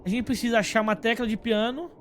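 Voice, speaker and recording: A man's voice: very high voice, fairly even intonation, fast talker, a little hiss or hum. A Brazilian man giving casual, slangy game commentary to his chat, thinking aloud as he plays. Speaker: game streamer talking to live chat.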